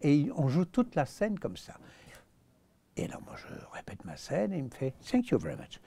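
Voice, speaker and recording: Older man telling an animated anecdote. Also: on the high side, normal speed, gravelly. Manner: animated, acts out the voices in his stories. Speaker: guest, actor. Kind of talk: anecdotal interview storytelling.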